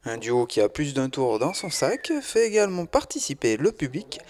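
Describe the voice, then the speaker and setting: A man's voice: medium pitch, sing-song, normal speed, darkish tone. A man reading scripted narration as a television news reporter.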